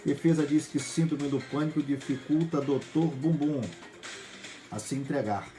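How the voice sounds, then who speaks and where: A man with a Brazilian accent, hosting a news program and reading a run of headlines in a brisk delivery with occasional slips. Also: fairly high pitch, steady tone, warm tone, faint music behind. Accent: Brazilian Portuguese. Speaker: news host.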